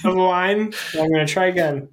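A man's voice: high voice, normal speed, crowd noise. A man co-hosting a podcast who reads a summary aloud and keeps breaking into wheezing laughter. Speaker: podcast co-host.

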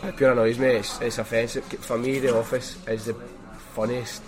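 A man's voice: mid-range voice, level tone, moderate pace, over music. Man with a strong Glaswegian Scottish accent. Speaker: podcast host. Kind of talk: casual anecdotal chat.

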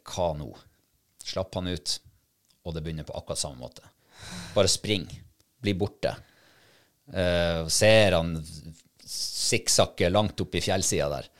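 A man telling a story in casual chat, animated and quoting the people he met. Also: low-pitched. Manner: lively, animated retelling, quoting others. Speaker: dog handler telling a story.

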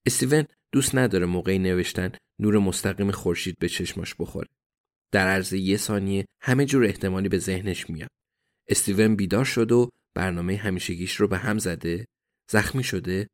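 A man narrating an audiobook in a steady, even storytelling manner. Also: fairly low pitch.

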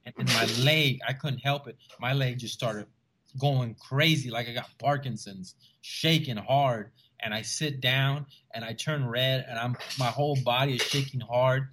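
A man from the Rio Grande Valley of Texas talks as a stand-up comedian guest in a relaxed interview. He tells stories in an animated way and slips into the voices of the people he quotes. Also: mid-range voice, a little slow, slight background noise. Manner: animated storyteller who acts out quoted voices. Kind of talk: casual storytelling interview.

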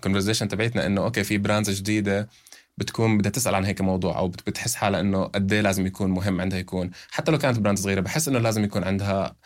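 A man's voice: on the low side, steady tone, very fast. A man hosting a casual podcast chat, switching between Arabic and English mid-sentence. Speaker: podcast host.

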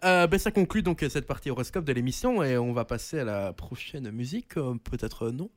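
A man's voice: mid-range voice, animated, fairly quick. A young man hosting a casual student radio show, joking and hesitant, with many fillers. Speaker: host.

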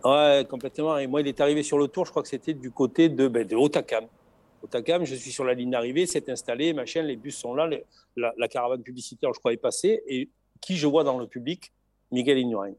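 A man's voice: mid-range voice, brisk, darkish tone, no room sound. A middle-aged man with a southern French accent, chatting as an interview guest, talking expansively with many restarts and repeated words. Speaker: guest, former race logistics organizer. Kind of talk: casual interview chat.

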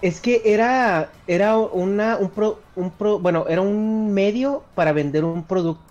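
Hombre mexicano con acento norteño en una charla informal, con pausas y titubeos frecuentes mientras desarrolla sus ideas. Se oye una música suave detrás. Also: male voice, high-pitched, a little mellow, dull audio, soft background music. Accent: northern Mexican. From northern Mexico. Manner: hesitant, many fillers, explanatory. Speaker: co-host. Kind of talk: casual chat.

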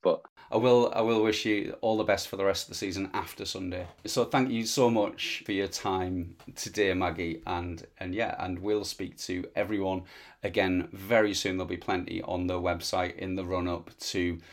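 A podcast host living in Wales conducts a football interview, asking long questions full of hesitations and repeated words. He has a low voice with fairly even intonation and speaks at normal speed.

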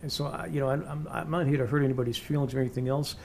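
A man's voice: a little high, steady tone, racing, vocal fry, darkish tone, slight background noise. A man with a New York accent interviewing a musician in a casual, rambling way, full of ums and restarts. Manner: rambling, many fillers and restarts.

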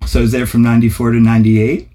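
A man's voice: mid-range voice, level tone, racing, warm tone. A man as a podcast guest, talking in an easygoing, thoughtful way with fillers. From United States. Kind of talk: casual interview.

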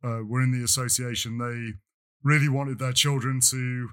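Flat-voiced British man chatting. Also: mid-range voice, normal speed, clear, resonant tone. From Britain. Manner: rambling with many fillers and restarts. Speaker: podcast co-host. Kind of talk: casual chat. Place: lives in France.

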